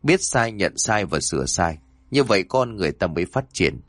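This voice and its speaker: A wise, severe exorcist master from a spoken ghost story, as a male narrator puts him on. He lectures in a low, steady voice that rises and falls with conviction, and he scolds firmly. The recording is dry and close. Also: normal speed, no room sound, soft background music. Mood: admonishing.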